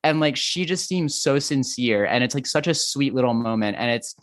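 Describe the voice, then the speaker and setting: A man's voice: mid-range voice, lively intonation, normal speed, dry recording. A man appearing as a guest on a podcast, chatting eagerly about a film and laughing often. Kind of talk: casual film discussion.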